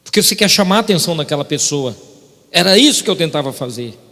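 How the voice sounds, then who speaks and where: Male preacher, emphatic and direct with the congregation; slightly high voice, booming church hall. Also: lively intonation, quick pace, bright, forceful tone. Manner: emphatic, repeatedly addressing the congregation. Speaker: pastor. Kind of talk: sermon testimony. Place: church sanctuary.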